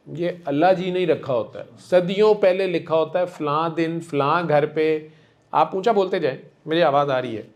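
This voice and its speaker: A man counseling a patient in a gentle, coaxing and affectionate way, repeating himself warmly. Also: on the high side. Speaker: spiritual healer counseling a patient. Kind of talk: one-on-one counseling session.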